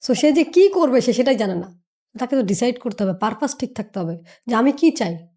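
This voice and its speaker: A woman talks as a business mentor on a podcast. Her fairly high voice races along at a brisk clip. She drives her points home with emphasis, repetition and rhetorical questions. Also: lively intonation, mellow. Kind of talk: motivational podcast talk.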